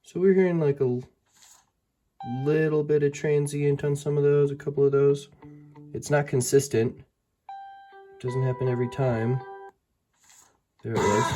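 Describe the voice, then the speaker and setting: An amateur reviewer gives a casual hands-on product review indoors by a window, thinking aloud hesitantly while music tracks play as demonstration. His voice is medium-pitched with a dark tone.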